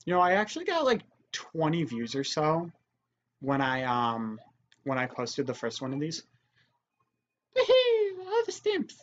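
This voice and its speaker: Animated male gamer, casual and excitable. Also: medium pitch, normal speed. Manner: excitable, says dude often. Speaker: gamer commentating on a party board game. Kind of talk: casual let's play chat. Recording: dull mic with faint noise.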